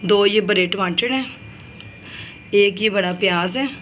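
In a slightly bright, mid-range voice at a measured pace, a woman vlogger chats through a home cooking recipe step by step, pointing things out along the way. She's talkative and keeps using "ye dekhiye" to present each step. Kitchen noise and sizzling can be heard in the background of her home kitchen.

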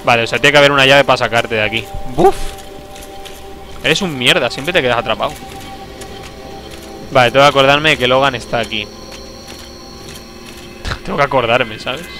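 A man's voice: mid-range voice, normal speed, pauses often, sharp tone. A young man, casually commenting on a game he is playing, joking and bursting out. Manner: chatty, joking, talking to himself, sudden outbursts. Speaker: streamer. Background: game music.

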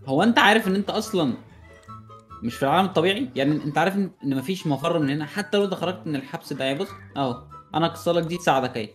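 A man's voice: a little high, expressive, racing, faint music behind, lightly acted. A man voicing a sly, scheming male ghost kidnapper with an Egyptian Arabic accent, in an improvised game role-play. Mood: menacing. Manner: coaxing, then mocking and menacing.

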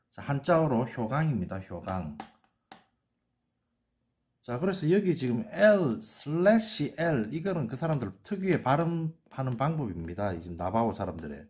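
A man teaches from slides in a room with a lot of echo. He sounds out words slowly and repeats them, and his voice rises and falls over a wide pitch range. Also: darkish tone. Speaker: channel host explaining words. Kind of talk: lecture over on-screen slides.

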